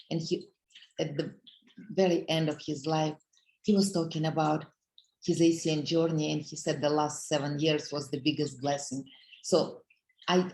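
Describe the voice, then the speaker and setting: A middle-aged woman with a Russian accent gives an earnest motivational talk to her team, her English a little broken. Her voice sits low and has a gravelly edge. It sounds as if she is in a roomy, echoing space. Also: darkish tone. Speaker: business leader speaking on a team call.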